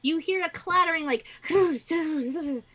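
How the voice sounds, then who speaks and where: A woman narrating casually as dungeon master, relaxed and halting, with many fillers. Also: very high voice, poor audio.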